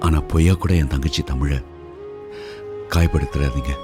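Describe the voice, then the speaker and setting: A deep-voiced stoic elder brother. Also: male voice, fairly even intonation, moderate pace. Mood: grave, pleading. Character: protective elder brother, grown man, stoic and steady. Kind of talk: film drama dialogue. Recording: film soundtrack with clear music behind.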